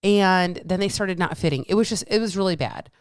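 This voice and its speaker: A woman of about forty with a clear, smooth voice in a dry, close recording. She is wearing retainers, which slightly alters her speech. She talks like a candid podcast host, casual and emphatic, with swearing and repeated phrases. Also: fairly low pitch, a little fast, no echo. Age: around 40. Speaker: podcast host, health coach. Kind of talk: casual solo monologue telling a story with lessons.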